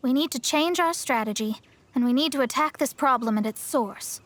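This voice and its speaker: A woman's voice: sits high, fairly quick, a bit bright, dry recording. A woman playing a proud, analytical young astrologist in an anime game dub, explaining things in a matter-of-fact, scholarly way. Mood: resolute.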